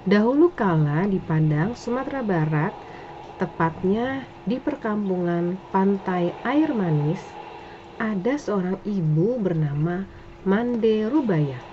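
A woman's voice: mid-range voice, animated, slow pace. A woman storyteller reading a scripted folktale narration. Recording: dull lo-fi with faint noise.

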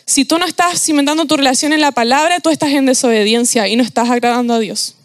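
Young woman, Chilean accent, high voice, dry close sound, casual slangy sermon, animated. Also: quick pace, dry recording. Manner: slangy and animated, laughing often. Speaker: youth preacher.

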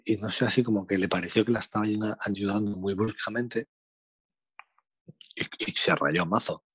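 A young man from Spain with a Spanish accent, telling a slangy, animated anecdote in casual chat. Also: fairly low pitch, moderate pace, slightly rough, no echo. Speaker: storyteller.

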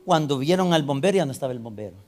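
A man's voice: fairly high pitch, expressive, rapid-fire, a little mellow, faint music behind. A man preaching a sermon and reading Bible verses aloud, calling his listeners brothers and asking them rhetorical questions. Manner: addresses the congregation as brothers, asks rhetorical questions.

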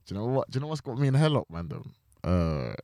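A young man co-hosting a casual podcast, animated and slangy. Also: medium pitch, quick pace, no echo, studio quality. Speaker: podcast co-host. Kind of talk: casual chat.

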